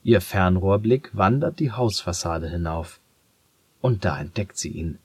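A man reads a children's story in a calm, measured voice. His voice is very low and husky, and he speaks slowly and steadily. The recording is close and dry. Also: dry recording. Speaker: narrator. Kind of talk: storybook narration.

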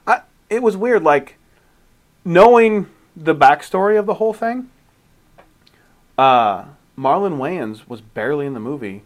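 A man's voice: on the high side, expressive. A man co-hosting a podcast, chatting casually and often restarting his sentences. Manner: halting, restarts often, rates things plainly. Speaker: podcast co-host. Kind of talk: casual chat.

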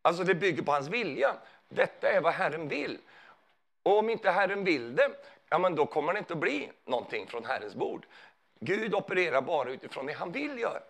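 Guy preaching, gravelly voice, goes up and down a lot, chatty with the crowd. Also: a little high, very animated, a bit bright. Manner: conversational, asks listeners questions. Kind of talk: sermon.

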